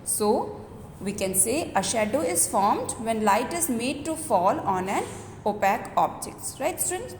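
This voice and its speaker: A woman's voice: fairly high pitch, big pitch swings, a little slow, darkish tone. A woman giving an earnest school lecture, explaining step by step and checking in with students through questioning tags. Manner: earnest, explanatory, often ending phrases with a questioning "right?". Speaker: school teacher. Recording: echoey reverberant room with background noise.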